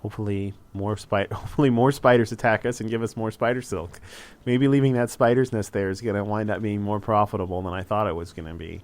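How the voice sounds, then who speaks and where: A man's voice: lowish voice, steady tone, fast, hardly any pauses, a little mellow. A man casually commenting on a strategy game as he plays, thinking aloud with wry asides. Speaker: let's play host.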